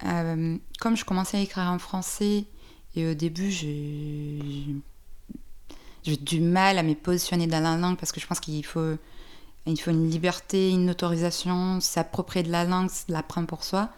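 In an interview conversation, a poet from Brazil answers questions in French, her Brazilian Portuguese accent clear. Her pitch is fairly low, her tone steady, mellow and smooth, at a moderate pace. She comes across thoughtful and hesitant, often restarting and using fillers.

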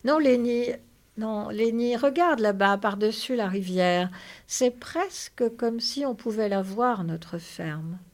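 A woman reading aloud and voicing a weary, protective working man who speaks in a flat, strained way. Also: on the high side, slow.

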